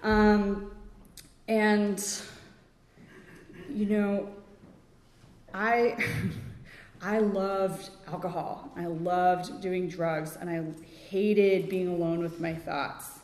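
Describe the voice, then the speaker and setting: A woman from Connecticut giving her personal recovery story at a meeting, halting and full of fillers, with small laughs. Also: on the low side, level tone, darkish tone. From Connecticut, USA. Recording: echoey hall with long reverb.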